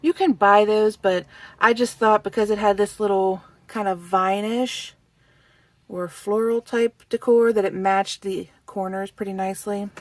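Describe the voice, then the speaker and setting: A woman's voice: mid-range voice, steady tone, unhurried, no room sound. A woman chatting casually and a little winded as she shows off new stationery in a friendly vlog. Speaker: stationery vlogger. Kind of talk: casual show-and-tell chat. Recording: voice a bit distant from the mic.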